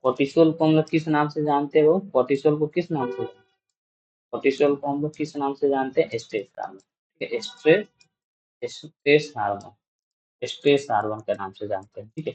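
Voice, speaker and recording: A man's voice: fairly high pitch, a little mellow, muffled recording. A man teaching a nursing class, quizzing students and often answering his own questions, repeating each term several times. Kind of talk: classroom lecture.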